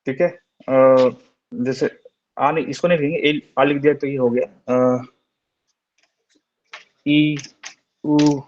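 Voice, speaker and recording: A man's voice: mid-range voice, fairly even intonation, slow, long pauses, a little mellow, dull audio. A man teaching a Sanskrit grammar class online, explaining patiently step by step and checking in with his students.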